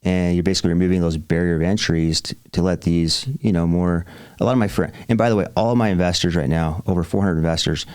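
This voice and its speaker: A man's voice: sits low, fairly even intonation, quick pace, a little mellow, clear, resonant tone, no echo, clean studio sound. A man in his forties, a real estate investor guest on a podcast, telling his story with upbeat enthusiasm and plenty of fillers. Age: 40s. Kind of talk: podcast interview.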